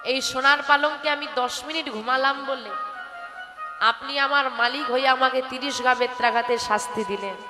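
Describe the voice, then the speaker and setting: A woman voicing a timid young servant girl who speaks softly and humbly, in a devotional kirtan storytelling performance. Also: high voice, moderate pace, in a large hall, music in the background, close to an everyday voice. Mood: sorrowful. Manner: soft, pleading, humble.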